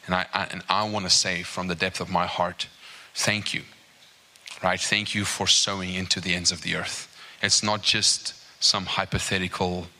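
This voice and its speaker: Guest preacher, male, low-pitched voice with a sharp, forceful edge, emphatic sermon delivery. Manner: emphatic, repeats "right?" and "okay?"; grows higher and more animated as he builds. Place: church service.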